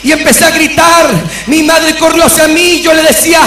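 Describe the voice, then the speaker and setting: Male pastor, shouted preached testimony, very high flat voice, echoey room. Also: brisk. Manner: shouting, fervent preaching cadence; repeats "hermano querido" between phrases. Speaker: pastor and bishop.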